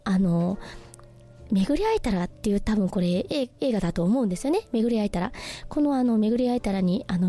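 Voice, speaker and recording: A woman hosting a radio show, talking casually about films and reading listener messages with lots of soft fillers. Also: on the high side. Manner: chatty, many soft fillers. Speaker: radio host.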